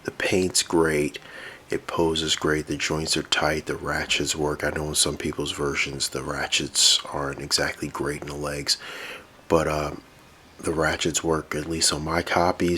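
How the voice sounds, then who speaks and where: A man giving a casual toy review, rambling with fillers and relaxed asides. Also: very deep voice, measured pace, a little hiss or hum.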